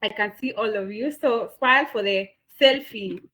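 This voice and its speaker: A woman with a Kenyan accent moderates the closing remarks of an online masterclass, enthusiastic and full of fillers and repeated words. Her voice is on the high side with a sharp tone at a moderate pace, and the audio is poor.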